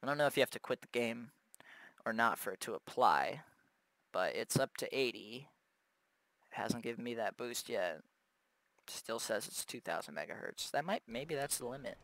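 A man's voice: medium pitch, animated, normal speed, pauses often, fairly bright tone, no echo. A young man casually talking through graphics card overclocking at home, laid-back and chatty with lots of fillers and the odd swear. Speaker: tech video host. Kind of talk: casual unscripted tech commentary. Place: home gaming setup with loud fans.

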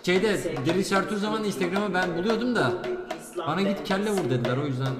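A young man giving excitable gameplay commentary, swearing, shouting mock threats and joking with his viewers. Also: high-pitched, fast, loud music behind the voice. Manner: playful, talks to viewers and chat. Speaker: gaming video creator.

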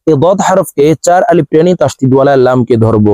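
A man teaching Quran recitation, spelling out each syllable and then chanting the words slowly and drawn out. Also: on the high side, animated, mellow, no echo. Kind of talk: letter-by-letter recitation lesson.

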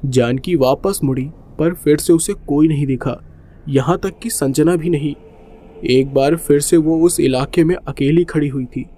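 A man narrating a horror story in a steady, suspenseful way. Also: a little high, measured pace.

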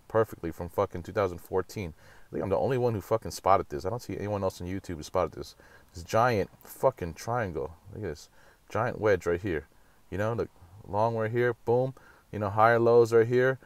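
A man giving a casual, profane rant on market charts and mocking others. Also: dry recording. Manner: profane, rapid, ranting, mocks others in high voices. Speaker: crypto market commentator.

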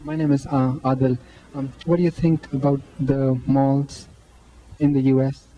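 Man, hesitant, lots of ums, flat intonation, dark mellow tone, handheld mic, indoor mall. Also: medium pitch, moderate pace, dull audio. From Pakistan. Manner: hesitant, many ums and restarts. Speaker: street interviewer. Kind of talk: amateur vox-pop interview.

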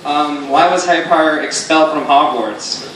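A man's voice: on the high side, normal speed, a bit bright. A young man doing casual stage comedy as a ventriloquist playing straight man, talking hesitantly. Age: young adult. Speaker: amateur ventriloquist. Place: small indoor comedy stage, filmed from the audience. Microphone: stage mic picked up by far camera. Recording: echoey noisy venue, distant camera mic.

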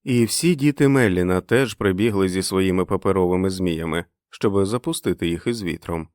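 Man, low voice, story narrator, dry close mic, measured expressive reading. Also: dry recording. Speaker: audiobook narrator.

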